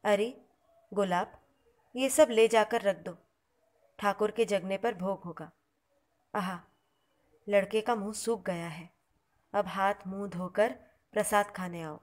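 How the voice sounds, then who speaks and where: A woman voicing an elderly holy mother, gentle and affectionate, speaking in a soft, tender, reassuring way. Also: mid-range voice, fairly even intonation, slow pace, pauses often, close to an everyday voice.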